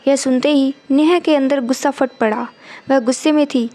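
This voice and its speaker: A woman narrating a scripted family drama story in an even, measured reading voice. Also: high voice.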